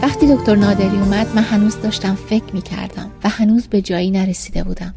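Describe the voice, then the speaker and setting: A woman narrating a first-person diary story in a calm reading voice. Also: mid-range voice, vocal fry, loud music behind the voice. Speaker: audiobook narrator.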